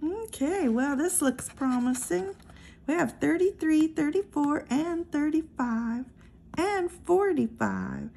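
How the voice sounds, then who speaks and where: A woman narrates in a slow, steady, casual way, reading numbers one after another. Her high voice is dark and mellow with a gravelly edge. There is faint noise in the background. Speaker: lottery scratch-off channel host.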